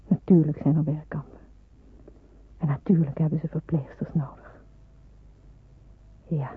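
In an old Dutch radio play, an actress performs the inner monologue of a young nurse who is anguished, dutiful and fearful, her delivery hesitant, brooding and self-questioning. Her low, breathy, husky voice is heavily acted, and the recording sounds muffled and tinny.

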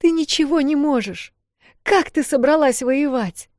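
A woman voicing a forceful young sister who gives sharp, shouted commands. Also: mid-range voice, brisk, no echo, studio quality, voice pushed up, close to an everyday voice. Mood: urgent.

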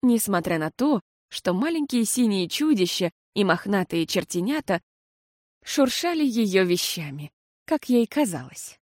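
A woman narrating a children's audiobook in an expressive, playful way. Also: mid-range voice, unhurried, no room sound, studio quality. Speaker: audiobook reader.

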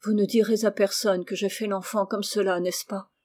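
A woman's voice: medium pitch, flat delivery, normal speed, darkish tone, natural voice. A woman voicing Mac, a frustrated, sulky teenage boy confined by his sick eyes, in a storybook reading. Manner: sullen, complaining.

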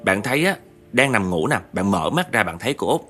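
A man tells a ghost story in a chatty, conversational way, often speaking straight to his listeners. His voice sits on the low side, and faint music plays beneath the narration. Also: sing-song, fairly quick, a bit bright. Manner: chatty, addresses listeners directly.

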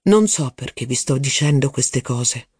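A man reading aloud voices an ironic, gravely ill gentleman who speaks quietly and politely. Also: mid-range voice, lively intonation, measured pace, no room sound, studio quality. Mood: wry.

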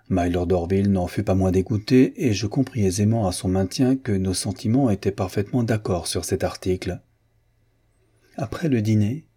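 A man narrating a classic novel as an audiobook reader, in an even, unhurried manner. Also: on the low side, husky.

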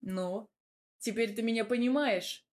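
A woman voicing a possessive, teasing young man in an audiobook, speaking bluntly in a slightly lowered voice. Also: unhurried.

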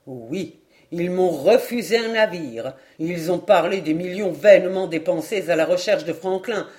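Brief: bitter storybook lord, low and curt, mellow dark tone, voiced by a woman narrator. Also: unhurried. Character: grim, bitter Scottish lord, middle-aged man.

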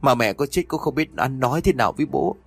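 A man's voice: medium pitch, lively intonation, fast talker, gravelly, dry recording. A man voicing an older mother who speaks in a pleading, trembling way, in a spoken audio story. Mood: fearful. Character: fearful older mother, head of household.

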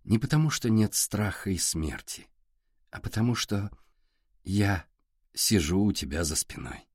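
A gentle, composed young woman speaks in a soft, hushed way, as a male audiobook narrator puts her on. The voice sits low and is recorded dry and close. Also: big pitch swings, a little slow, breathy edge, dry recording, exaggerated voice. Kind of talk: audiobook character reading.

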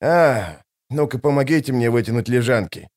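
A man's voice: medium pitch, expressive, moderate pace, darkish tone, natural voice. A man narrating an audiobook, voicing an irritable, hot-tempered male army mage. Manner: snappy, irritable.

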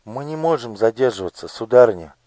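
A man voicing a stubborn, serious little girl who speaks quietly and firmly. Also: medium pitch, lively intonation, fairly quick, no room sound, pitched above the performer's own voice, close to an everyday voice. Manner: quiet, firm.

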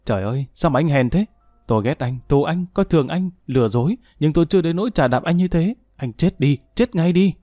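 A man's voice: medium pitch, fast talker, a little mellow, dry recording, studio quality, faint music behind, natural voice. A man voicing a contemptuous, angry estranged wife in an audiobook, with cutting delivery. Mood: furious.

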